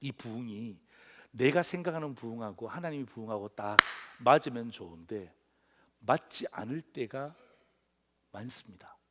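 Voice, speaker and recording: A man's voice: medium pitch, animated, normal speed, long pauses. A middle-aged male pastor preaching a sermon, often asking the congregation questions and acting out short dialogues. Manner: acts out dialogues in different voices.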